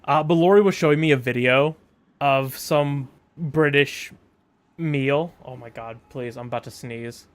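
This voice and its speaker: A man streaming a video game, chatting casually with animated, joking mock outrage. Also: medium pitch, unhurried.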